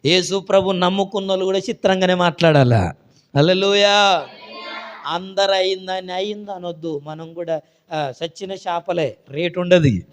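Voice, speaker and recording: A man pastor preaching a sermon, calling out hallelujahs and swinging between loud declarations and hushed storytelling. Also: sits high, moderate pace.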